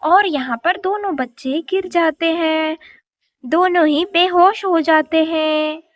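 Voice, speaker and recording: A woman's voice: very high voice, slow, highs cut off. A woman narrating a doll story and animatedly switching into the voices of its characters.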